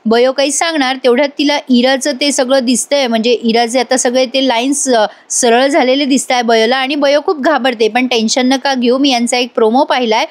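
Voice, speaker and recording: A woman's voice: high voice, fairly even intonation, a little fast, few pauses. A woman giving a casual voice-over review of a TV serial episode, chatting and talking straight to her viewers. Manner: chatty, addresses viewers directly.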